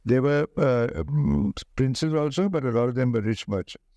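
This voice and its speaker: Older indian guy, posh educated accent, mellow voice, emphatic, chatting in an interview, really dry close sound. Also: mid-range voice, expressive, normal speed, dry recording. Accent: educated upper-class Indian. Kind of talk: conversational interview answers.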